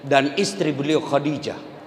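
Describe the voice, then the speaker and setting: A man with a Buginese Indonesian accent preaching a humorous sermon to a large gathering, teasing the audience and bursting into loud high-pitched acted lines. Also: measured pace. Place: large hall at a public religious gathering. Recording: echoey hall with long reverb, faint noise.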